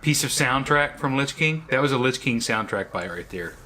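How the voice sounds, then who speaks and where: An older man hosts a casual reaction video in a bright, forward voice. His pitch sits in the middle range, and he rambles as he thinks aloud. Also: animated, moderate pace, slight background noise. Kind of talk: casual off-the-cuff reaction commentary.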